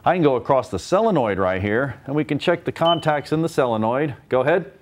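A man's voice: medium pitch, lively intonation, fairly quick, very noisy. A man in his forties, a technician and instructor, giving a folksy, plain-spoken repair demonstration in a large workshop on a lapel mic. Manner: folksy, plain-spoken, explains while working.

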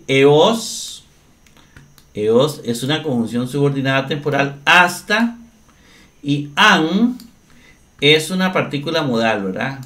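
A man teaching Greek grammar in a slow, step-by-step screen-share lesson, often checking in with his listeners. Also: mid-range voice, pushed and bright. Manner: slow, deliberate, often asks "¿verdad?".

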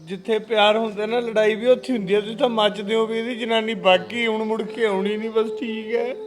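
A man's voice: sits high, flat delivery, a little fast, over music, lightly acted. An actor playing a lovesick son who whines that his wife left him. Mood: pleading. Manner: whining, pleading.

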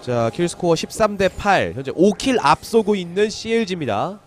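A man's voice: sits high, expressive, normal speed, soft background music. A man giving play-by-play commentary on a live game as an esports caster.

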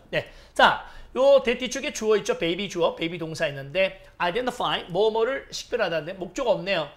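A man lecturing on an English exam passage, explaining grammar and quizzing with short questions, and reading English lines slowly. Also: high-pitched. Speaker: English teacher.

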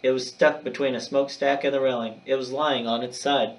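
Male teacher narrating a chapter book for young kids, mid-pitched, dramatic delivery, distant mic. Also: fairly quick. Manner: expressive, dramatic storytelling. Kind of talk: reading a chapter book aloud.

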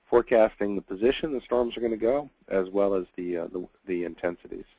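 Soft-spoken man presenting a science webinar. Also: lowish voice, brisk, slightly rough, no echo, low-quality recording. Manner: earnest, explanatory, with frequent fillers.

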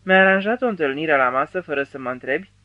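A man's voice: a little high, animated, narrow, tinny audio, natural voice. A male narrator voicing a weary, withdrawn husband who protests reluctantly, in an audiobook.

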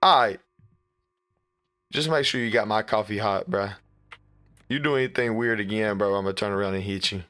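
Slangy low-voiced man doing game commentary. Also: moderate pace, pauses often, pushed and bright, dry recording. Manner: slangy, incredulous. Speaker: gaming video host. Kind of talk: casual let's play commentary.

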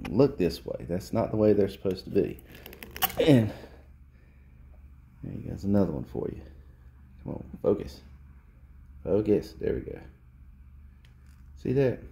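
This repair technician, working in a cluttered shop, gives a blunt, lecturing demonstration and keeps repeating his points to stress them. A handheld phone camera close to the work captures his deep, warm voice with vocal fry and a faint hiss or hum.

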